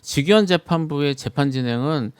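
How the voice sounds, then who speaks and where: A man's voice: a little high, lively intonation, normal speed, smooth, no room sound. A man, a lawyer and guest on a live interview show, explaining in detail and often repeating fillers. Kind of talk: live current-affairs interview. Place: broadcast studio.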